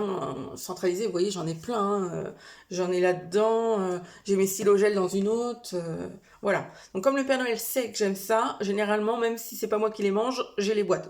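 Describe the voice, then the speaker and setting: A woman's voice: medium pitch, creaky, a little mellow. Chatty woman with many fillers. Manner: chatty, hesitant, many fillers and self-corrections. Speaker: vlogger showing a shopping haul. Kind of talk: casual chat to camera.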